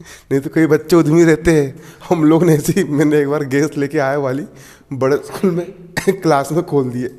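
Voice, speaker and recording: A man's voice: a little high, fairly even intonation, moderate pace, dark tone, big-room sound. A man teaching a class in a chatty, laughing way, often asking his students if they follow. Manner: chatty, laughs often, repeats "theek hai". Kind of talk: classroom lecture.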